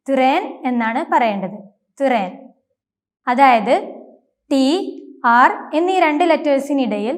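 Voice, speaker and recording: A woman teaching a language lesson in a scripted, careful way, saying each example word twice. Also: high-pitched.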